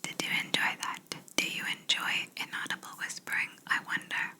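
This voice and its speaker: A woman whispering slowly in an ASMR video, guiding the listener through gentle imagination questions. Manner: slow soft whisper, asking gentle questions. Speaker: ASMR creator.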